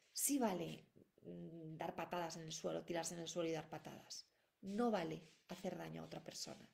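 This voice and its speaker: Gravelly-voiced woman giving parenting advice. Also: fairly low pitch, warm tone. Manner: direct, repeating points and acting out parent and child voices. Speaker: parenting educator.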